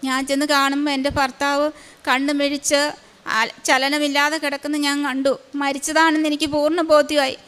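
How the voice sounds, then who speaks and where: A middle-aged woman tells her story in a high voice that stays level, without much rise and fall. She pauses often and fills the gaps with small sounds as she works through each part. It is an unpolished spoken testimony. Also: little pitch movement, a bit bright. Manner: slow, halting retelling with frequent fillers. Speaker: testimony giver at a shrine.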